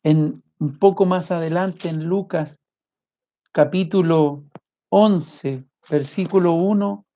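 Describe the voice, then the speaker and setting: A man preaching a sermon with passion, firing off rhetorical questions and swinging his voice high and low. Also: slow. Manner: impassioned, rhetorical questions, big swings in pitch and loudness. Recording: muffled lo-fi recording.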